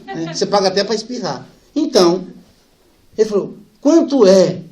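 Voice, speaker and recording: A middle-aged man giving a storytelling lecture, acting out dialogue and dropping soft and slow for sad parts. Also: sits high, expressive. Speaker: spiritist speaker.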